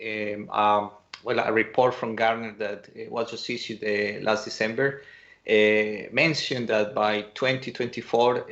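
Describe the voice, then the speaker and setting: A Colombian man presents an online conference talk in a fairly low, slightly bright voice. He's hesitant, with many fillers and restarts, and the video-call audio sounds muffled.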